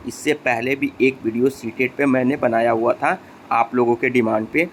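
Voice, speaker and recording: A man hosting an educational channel, giving exam guidance to students in a mix of Hindi and English. He talks straight to his viewers and fills pauses with "okay". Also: medium pitch, fairly bright tone, slight background noise. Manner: mixes Hindi and English, addresses viewers directly; frequent fillers and checks like okay.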